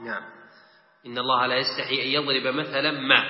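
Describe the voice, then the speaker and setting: A man teaching Quran recitation: he chants each word melodically and then explains the correct pronunciation quickly in a low voice. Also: flat delivery, soft background music. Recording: echoey hall, dull lo-fi sound.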